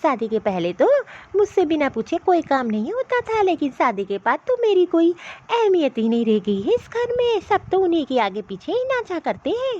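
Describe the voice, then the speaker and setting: A woman voicing a defiant, sharp-tongued young daughter in a cartoon, speaking scornfully. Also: very high-pitched, sing-song, moderate pace, few pauses, dull audio. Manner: scornful, complaining. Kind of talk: Hindi cartoon voice acting.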